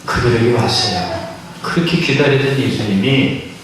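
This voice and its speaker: A man's voice: medium pitch, normal speed, recorded from a distance, background noise. Emphatic man preaching in an echoey church. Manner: emphatic, rhetorical questions to the congregation. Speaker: pastor. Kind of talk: sermon. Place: church sanctuary. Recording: echoey church hall from afar.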